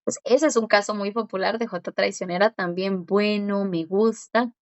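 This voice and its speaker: A woman teaching a Korean lesson in Spanish, explaining step by step and repeating words slowly. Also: mid-range voice, steady tone, no echo, muffled recording. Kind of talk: one-on-one language lesson.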